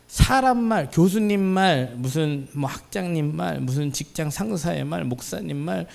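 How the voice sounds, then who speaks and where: A man in his thirties, a pastor preaching a lively, playful sermon and acting out quoted voices. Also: on the high side, gravelly. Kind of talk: sermon with acted-out anecdotes. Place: church hall.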